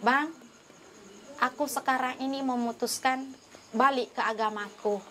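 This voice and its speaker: A woman's voice: sits high, steady tone, measured pace, sharp tone, slight background noise. A woman giving an earnest, emotional testimony, pleading as she acts out her own prayers and conversations. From North Sumatra, Indonesia.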